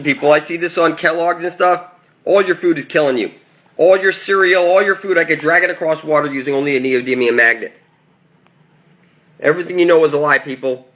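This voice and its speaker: Man, fairly high voice, preachy haranguing rant, monologue straight to listeners. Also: a bit bright. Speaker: online video host. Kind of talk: conspiracy monologue.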